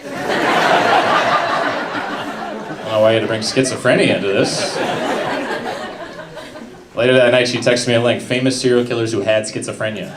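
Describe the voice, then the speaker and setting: Young guy mumbling through a deadpan standup set, roomy club sound. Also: medium pitch, normal speed, long pauses. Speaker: stand-up comedian. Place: comedy club stage with a live audience. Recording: echoey room with background noise.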